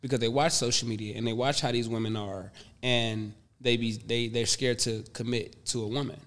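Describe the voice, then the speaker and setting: A man's voice: medium pitch, steady tone, normal speed, fairly bright tone. A man in his thirties chatting on a podcast, with a voice in the middle of the male range. He talks in a laid-back, slangy way and leans hard on his points. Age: 30s. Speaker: podcast guest. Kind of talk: casual chat.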